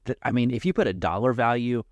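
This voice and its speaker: A man hosting a podcast, chatting with guests and dropping quick jokes. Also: mid-range voice, no echo, dull audio. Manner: joking, quick quips. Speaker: podcast host. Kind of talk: casual chat.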